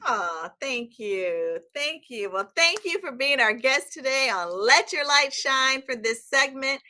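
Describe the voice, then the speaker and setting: Bright, lively woman in her fifties hosting. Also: high voice, measured pace. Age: 50s. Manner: warm, effusive, laughs often. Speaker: podcast host. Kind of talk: casual interview chat.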